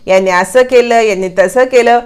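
A woman's voice: on the high side, normal speed, darkish tone, clear, resonant tone, natural voice. A woman voicing a young married man who pleads and complains to his mother, in a spoken retelling of a TV serial. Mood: pleading.

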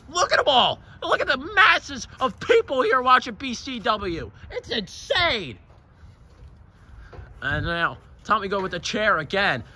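Loud jokey guy doing wrestling commentary, bright sharp voice, up and down a lot, bit of noise behind. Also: very high-pitched. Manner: excitable, joking, shouts the count. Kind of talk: excited play-by-play commentary.

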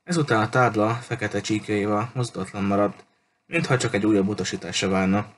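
A man reads a children's adventure novel aloud, unhurried and with small restarts. His voice is fairly low, and faint background noise sits under it. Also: steady tone. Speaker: audiobook reader.

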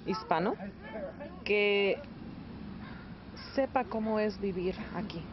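A woman's voice: mid-range voice, slow pace, dull audio, background noise. A Mexican-born woman in her thirties, interviewed outdoors and speaking candidly and reflectively. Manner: candid, reflective, laughs easily. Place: outdoors by trees and a beach.

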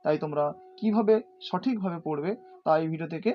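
High-voiced man teaching. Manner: explains slowly, asking and answering own questions; recites word forms one by one, stressing pronunciation. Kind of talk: recorded lesson. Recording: dull lo-fi recording.

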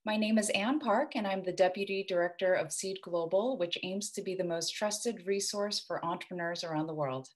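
A woman in her thirties hosting a talk series, giving a measured introduction on a video call. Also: lowish voice. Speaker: interview host. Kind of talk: scripted introduction then questions. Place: indoor home room.

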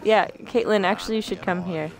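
A woman's voice: medium pitch, brisk, crowd noise, poor audio. A woman chatting casually and playfully with friends while playing a video game, full of exclamations. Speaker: player in a co-op video game session. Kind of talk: casual gameplay chat with friends.

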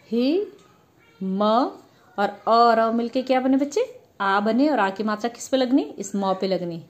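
A woman teacher giving a grammar lesson, patiently asking questions and answering them herself. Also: on the high side. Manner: addresses students as children.

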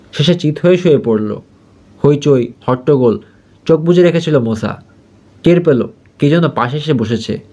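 A man's voice: mid-range voice, a little mellow. Man narrating a story, lo-fi. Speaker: audiobook narrator. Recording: dull lo-fi audio.

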